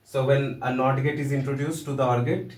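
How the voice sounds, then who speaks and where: A man's voice: mid-range voice, steady tone, a little fast, darkish tone. A man with an Indian accent giving a casual, joking lesson in loose, hesitant phrasing. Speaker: teacher. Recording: roomy echo, voice from a distance.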